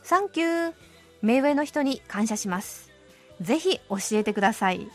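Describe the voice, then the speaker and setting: A woman in her late thirties hosting a radio show, reading listener letters and answering them in a cheerful, animated chat. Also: fairly high pitch, moderate pace, soft background music. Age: late 30s. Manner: cheerful, animated, laughing often. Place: radio studio.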